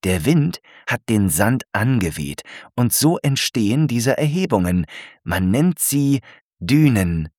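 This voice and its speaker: A man voicing a patient, knowledgeable male zebra who gently explains things to his friend in a storybook. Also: mid-range voice, sing-song, slow, dry recording, studio quality, pitched above the performer's own voice. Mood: explaining. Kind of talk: storybook character voice.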